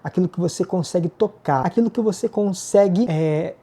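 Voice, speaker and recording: A man with a Brazilian Portuguese accent, giving a casual online essay-writing lesson. He is brisk and self-mocking, and he talks straight to his students. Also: high-pitched, dark tone, husky.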